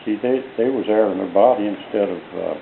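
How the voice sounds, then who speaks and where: An old man, a war veteran in his eighties or older, reminiscing in a folksy, halting way with homespun grammar. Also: on the low side, gravelly, echoey room. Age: elderly, 80s or older. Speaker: war veteran being interviewed. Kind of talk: reminiscing in casual conversation. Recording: hissy, boxy, phone-like home recording.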